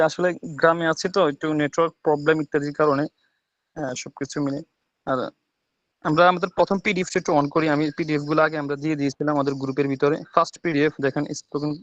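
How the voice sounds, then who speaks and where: Speaking quickly from a village home, a Bangladeshi man runs an online English lesson on his phone, often checking in with "ঠিক আছে?". His slightly high voice holds a steady tone, with no room sound and poor audio.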